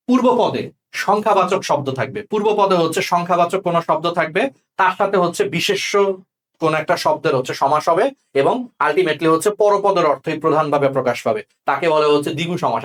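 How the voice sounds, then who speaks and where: Young man, tutor, rapid delivery, slightly high voice, keeps asking if students follow. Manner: checks understanding often with quick questions. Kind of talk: exam-prep grammar lesson.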